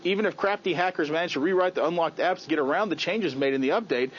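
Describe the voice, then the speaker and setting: A man's voice: a little high, dull audio, a little hiss or hum. A man hosting a daily tech news videocast, reading stories in a chatty way with offhand asides. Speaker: news host.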